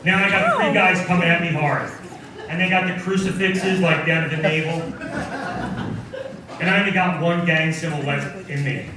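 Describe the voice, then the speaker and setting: A man's voice: a little high, normal speed. A man in his forties performing a stand-up comedy set on a coffee house stage, self-deprecating punchlines delivered to a live crowd. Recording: very echoey room, far mic, audience noise.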